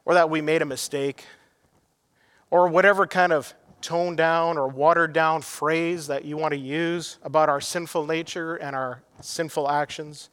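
A man's voice: a little high, a bit bright. Earnest middle-aged man preaching in a hall. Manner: earnest, emphatic preaching with anecdotes. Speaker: pastor. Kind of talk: sermon.

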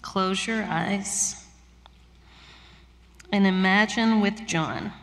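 Slow, reflective woman preaching in a hall. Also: medium pitch, vocal fry. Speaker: pastor. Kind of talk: sermon.

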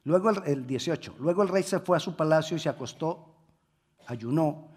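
A male preacher delivering a sermon, swinging between quiet reflection and loud emphasis. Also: on the high side, moderate pace, slightly rough.

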